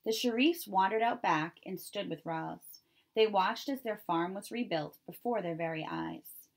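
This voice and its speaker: A woman reading a children's chapter book aloud in a clear, steady storytelling manner. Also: mid-range voice, unhurried. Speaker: reader.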